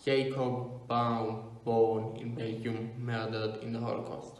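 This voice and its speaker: A young man from South Africa reads memorial names one after another in a solemn, measured way. His delivery stays flat and steady. The room around him gives an echo. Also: mid-range voice. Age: young adult. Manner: measured, even recitation. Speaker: memorial reader. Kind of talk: solemn reading of victims' names. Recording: echoey room.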